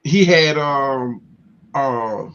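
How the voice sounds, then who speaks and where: A man chatting on a watch party, halting while he searches for names. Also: mid-range voice, a bit bright, a little hiss or hum. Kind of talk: casual live watch party chat. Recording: slightly dull lo-fi audio.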